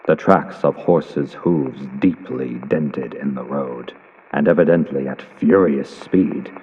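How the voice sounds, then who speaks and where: With a very deep, slightly rough voice, a man narrates slowly and emphatically, channeling the suspenseful theatrics of classic radio horror drama in a scripted story. The recording is dull and lo-fi, beneath loud effects of ambience and horse hooves.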